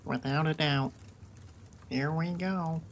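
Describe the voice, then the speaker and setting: A man's voice: a little high, fairly even intonation, takes it slowly, creaky, slight background noise. A man streaming live from home, giving casual, hyped-up commentary on his trades. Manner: hyped, cheering the market on.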